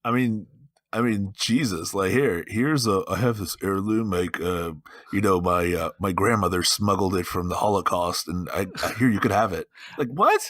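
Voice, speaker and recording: A man in his thirties chatting as a podcast guest, animated and quick to laugh, on a close mic. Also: deep voice, no echo. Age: 30s. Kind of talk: casual chat.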